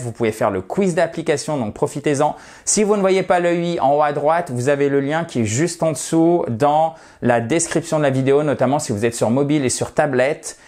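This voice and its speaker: A man's voice: a little high, darkish tone. A man teaching English in an online video lesson, explaining patiently step by step and addressing viewers as dear friends.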